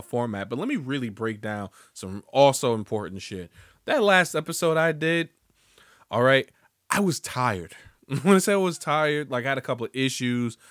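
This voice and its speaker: A man's voice: medium pitch, smooth, dry recording, studio quality. A man hosting his own podcast, rambling loosely with lots of swearing and jokes. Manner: rambling, profane, loose and joking. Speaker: podcast host. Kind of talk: casual solo podcast monologue.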